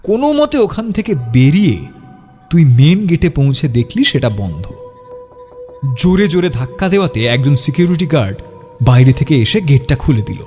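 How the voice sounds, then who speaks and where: Over background music, a man with a fairly high, mellow voice narrates a scripted horror story at a moderate pace. His pitch swings widely as he builds suspense in a dramatic storytelling style.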